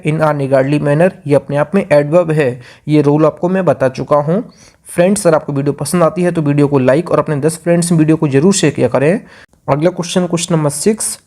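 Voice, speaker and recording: A man with an Indian accent teaching an exam grammar lesson, repeating each rule step by step and reading example sentences slowly. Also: a little high, dark tone. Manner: repetitive, drills rules step by step.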